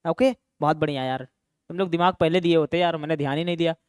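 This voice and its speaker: Chatty young man teaching maths, smooth voice. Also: fairly high pitch, fast talker, no echo, clean studio sound. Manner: chatty, calls students beta and bhaiya, answers his own questions. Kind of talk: online exam-prep lecture.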